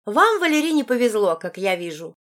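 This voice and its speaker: A woman voicing a haughty, sharp-tongued teenage girl student who talks in a blunt, condescending way. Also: medium pitch, sing-song, a little fast.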